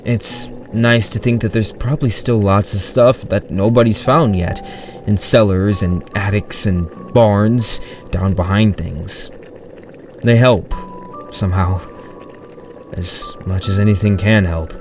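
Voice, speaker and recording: A man doing a loudly reassuring father. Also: fairly low pitch, steady tone, takes it slowly. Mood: forced cheer. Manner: loud, overly reassuring. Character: middle-aged father, forced cheerfulness. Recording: distant mic with soft music.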